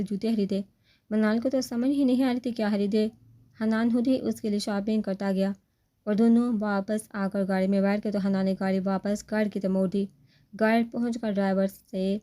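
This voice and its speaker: A woman narrating a romantic story in a steady, even reading manner. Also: medium pitch.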